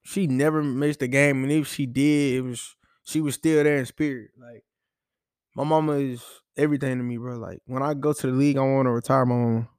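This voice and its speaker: A man's voice: medium pitch, fairly even intonation, brisk, darkish tone, clear, resonant tone, no room sound. Heartfelt young man, dry close sound. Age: young adult. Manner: heartfelt, repetitive, says "bro" often. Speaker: college football player guest. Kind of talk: casual interview chat.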